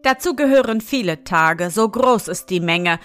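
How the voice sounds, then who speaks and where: A woman reading aloud, voicing a loyal, shrewd servant in a fairy tale, measured and persuasive. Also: mid-range voice, expressive, soft background music, natural voice.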